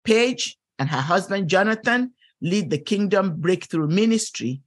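A woman hosts a faith podcast, graciously introducing a guest and asking interview questions with plenty of fillers and affirming "mm-hmm"s. Her voice is medium-pitched and expressive, and she speaks unhurriedly.

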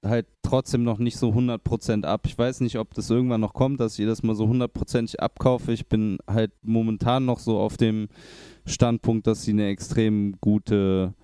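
A man's voice: on the low side, little pitch movement, moderate pace, dark tone, clear, resonant tone, dry recording, clean studio sound. A man chatting casually about a rap song, with loose slang and frequent restarts. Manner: hesitant, restarts, colloquial youth slang. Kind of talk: casual music review chat.

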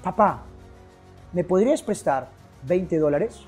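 A man's voice: sits high, lively intonation, slow, a little mellow, slightly rough, soft background music, heavily acted. A man voicing a four-year-old boy who keeps pleading with his busy father. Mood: coaxing. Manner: pleading, repetitive calls.

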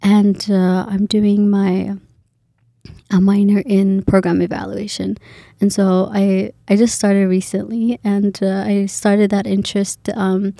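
A woman's voice: medium pitch, level tone, takes it slowly, creaky, dark tone, no echo, studio quality. A woman in her twenties from Kenya, a graduate student talking in a casual interview, hesitant with many fillers and restarts.

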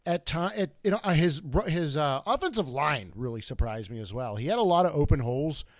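A man's voice: on the high side, animated, fairly quick, no room sound, clean studio sound. A man co-hosting a casual sports podcast, talking loosely with lots of restarts. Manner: loose, rambling, many restarts. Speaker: podcast co-host.

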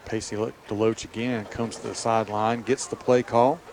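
A man's voice: on the low side, flat delivery, normal speed, a little mellow. A man doing live play-by-play radio commentary on American football. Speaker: play-by-play sports announcer. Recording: clear outdoor stadium background noise.

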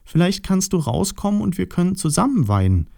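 A man's voice: high voice, very animated, fairly quick, gravelly, a little mellow, no room sound, clean studio sound, voice pushed up, exaggerated voice. A man doing a timid little Easter piglet. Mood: sad. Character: small shy colorful young piglet, sad and eager. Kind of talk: storybook voice acting.

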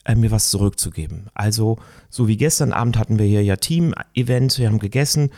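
A middle-aged man speaks in a reflective, searching way, often pausing on fillers as he thinks aloud. His voice sits a little low and sounds mellow. The recording is dry and close. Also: no echo. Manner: thoughtful, searching, with many fillers. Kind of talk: reflective conversation.

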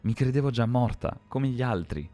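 A man voicing a frightened young girl who stammers, speaking higher and tense. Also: very animated, unhurried, warm tone, soft background music.

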